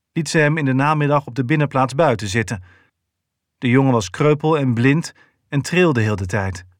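A man's voice: medium pitch, dry recording. Man narrating a story, dry sound. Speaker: audiobook narrator. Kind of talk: scripted narration.

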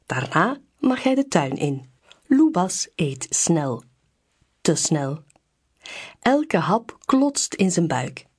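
A woman reading a children's picture book aloud in a slow, clear storybook delivery. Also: lowish voice, very animated.

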